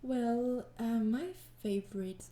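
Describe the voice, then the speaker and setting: Her voice sits a little high and moves slowly in a roomy-sounding space as this young French ASMR creator takes fan questions. The chat is soft-spoken and casual; she seems tired, hesitant and apologetic, laughing gently and drifting into whispers.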